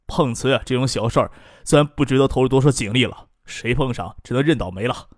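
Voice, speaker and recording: Male audiobook reader, brisk pace, bantering delivery, dry booth sound. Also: medium pitch, dry recording. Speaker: narrator. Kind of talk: audiobook narration with character voices.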